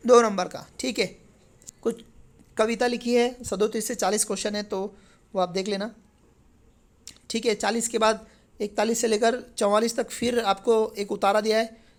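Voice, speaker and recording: Going over an exam paper, this man teaches in a relaxed, conversational manner and keeps tossing in tag questions to check on his listeners. He is a native Marathi speaker with a high-sitting voice, little pitch movement, and a moderate pace.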